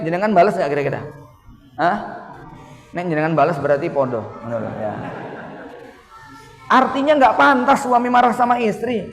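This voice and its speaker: Casting note: Javanese male preacher, high-pitched, joking, folksy sermon delivery, long hall reverb. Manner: humorous, folksy, acts out quoted wife and husband. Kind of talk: mosque sermon. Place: mosque hall. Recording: echoey mosque hall reverb.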